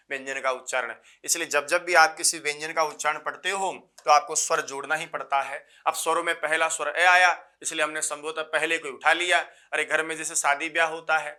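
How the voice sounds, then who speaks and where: Male Sanskrit teacher for an exam-prep lecture: bright, somewhat high voice, slow repetitions and questions to the class. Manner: repeats key phrases slowly, asks students rhetorical questions; recites Sanskrit rules in a measured chant.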